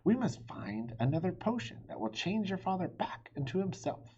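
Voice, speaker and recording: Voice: medium pitch, sing-song, normal speed, a little mellow, dull audio, slight background noise, voice pushed up, lightly acted. A man voicing a concerned, decisive noble mother in a storybook read aloud. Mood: urgent, concerned.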